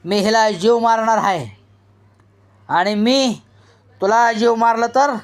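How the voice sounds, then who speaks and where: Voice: medium pitch, slow, close to an everyday voice. A reader voicing a brutal, abusive village strongman in an audiobook reading, harsh and contemptuous.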